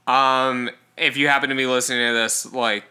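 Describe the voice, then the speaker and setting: A man hosting a podcast, chatting casually and relaxed about a film. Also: medium pitch, normal speed. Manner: relaxed, laughs easily. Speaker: podcast host. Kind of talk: casual film review chat.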